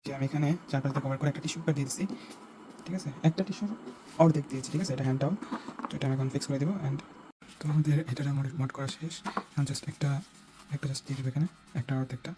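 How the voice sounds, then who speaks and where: A man casually explaining a speaker mod step by step, checking in with his listeners and pausing to search for words. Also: mid-range voice, steady tone, background noise. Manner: talks step by step, checking in with "right?"; hesitant, with searching fillers while judging sound. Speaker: DIY tutorial host.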